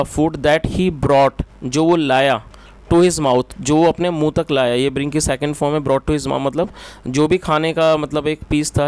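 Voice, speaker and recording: A man's voice: on the high side, a little mellow, clear, resonant tone. Man teaching English in Hindi. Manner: reads English phrases slowly, then explains quickly in Hindi. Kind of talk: bilingual English lesson, reading a story line by line and translating.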